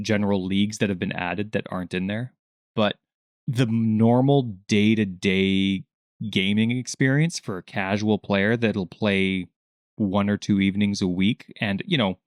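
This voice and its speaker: A man co-hosting a casual gaming podcast, talking in an animated way and acting out the questions he quotes in a higher voice. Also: no echo, clean studio sound. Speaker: podcast co-host.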